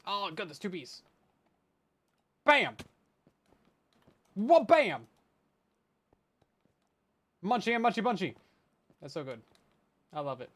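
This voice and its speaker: A man's voice: high-pitched, big pitch swings, fairly quick, long pauses, a bit bright. A man chatting casually with his live chat while he plays a game, playful and laughing often. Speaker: game streamer. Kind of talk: casual live-stream gameplay commentary.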